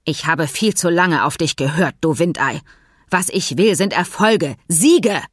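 A woman reading an audiobook, voicing a loud, choleric, heavyset male horse owner who blusters and growls. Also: deep voice, unhurried, husky, dry recording, clean studio sound, heavily acted. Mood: menacing. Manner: explosive shouting, then dangerously calm.

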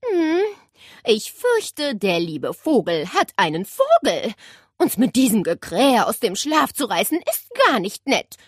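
A stern old great-aunt in a children's story, speaking slowly and firmly, as a woman puts her on. Her lines are drawn out and raised in pitch, in a dry close recording. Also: very animated, husky, dry recording, full character voice. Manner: slow and stern, coaxing.

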